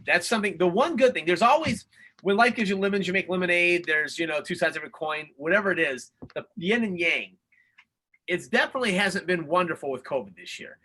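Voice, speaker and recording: Man, host, energetic, preachy, animated pitch, breathy edge. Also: a little fast. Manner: energetic, preachy rhetorical questions. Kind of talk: webinar talk, interjecting takeaways.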